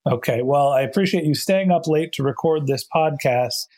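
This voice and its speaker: A man hosts a podcast in an upbeat, conversational tone. He reads a sponsor message and interviews a guest. His voice sits somewhat high. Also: moderate pace, a little mellow. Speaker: podcast host. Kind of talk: podcast hosting and sponsor read.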